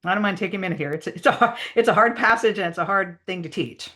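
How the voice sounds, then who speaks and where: A woman's voice: mid-range voice, quick pace, pushed and bright. A woman English professor giving an online teaching workshop, reflective and self-correcting, on a video call. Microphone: computer mic on a video call.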